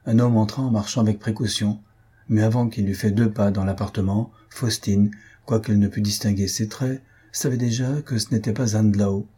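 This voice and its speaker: A man reading a classic novel aloud as a narrator, with a measured, even delivery. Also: fairly low pitch, breathy edge. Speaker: audiobook narrator. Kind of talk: scripted narration.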